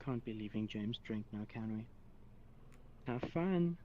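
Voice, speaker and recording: A man voicing a calm male android that speaks in a smooth, clinical, even way during a tabletop roleplay, in dull lo-fi audio. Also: on the low side, a little slow, a little hiss or hum. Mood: detached.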